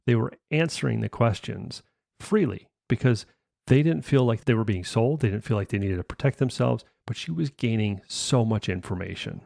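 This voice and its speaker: A man's voice: mid-range voice, animated, moderate pace, creaky, darkish tone, no echo, clean studio sound. A man hosting a podcast, telling a sales story in a casual way, often restarting his sentences and adding "right?". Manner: conversational, frequent restarts and tag questions. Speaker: podcast host.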